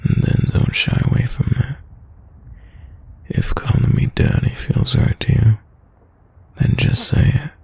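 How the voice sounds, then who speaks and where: Man acting as a slow, gravelly, breathy boyfriend, whispered role-play. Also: medium pitch, sing-song, a little mellow, full character voice. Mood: affectionate, gently dominant. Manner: slow, soothing, intimate murmur. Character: tender, protective, gently dominant boyfriend soothing his partner.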